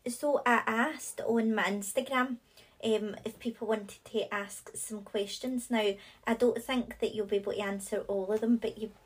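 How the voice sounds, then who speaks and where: A woman's voice: on the high side, fairly even intonation, moderate pace, husky, rough recording. Friendly woman podcast host. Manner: friendly, with many short back-channel replies. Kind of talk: casual podcast interview.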